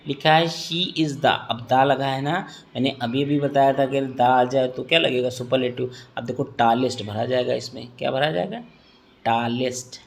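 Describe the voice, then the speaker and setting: A man in his thirties with a Hindi accent teaches an English grammar lesson to students in a medium-pitched, gravelly voice, with slight background noise. He is patient, repeating key points and checking in with the class often.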